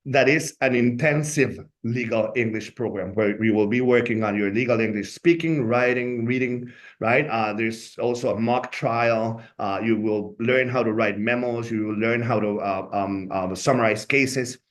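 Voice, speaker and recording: Speaking at a moderate pace with hardly any pauses, this medium-pitched man presents an informational webinar for a law school where he works. Originally from Colombia, he speaks with a Colombian Spanish accent, sounds earnest, and frequently ends points with "right?".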